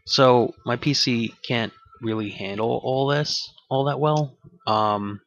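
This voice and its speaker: A man's voice: medium pitch, slow, fairly bright tone, no echo. A man hosting a gaming channel, talking casually over gameplay in a rambling, offhand way with casual swearing, on a desk mic that picks up the game audio. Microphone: desk microphone with game audio bleeding in. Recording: dull, dry home recording.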